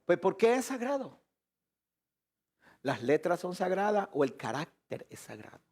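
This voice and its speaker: A man's voice: high voice, a little slow. A man teaching a live sermon, firing rhetorical questions at his listeners. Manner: animated, asks the audience many rhetorical questions. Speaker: preacher.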